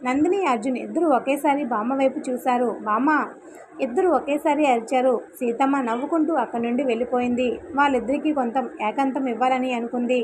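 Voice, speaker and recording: A woman storyteller reading a scripted serial story at a steady pace. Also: high voice, quick pace, hardly any pauses, noisy background.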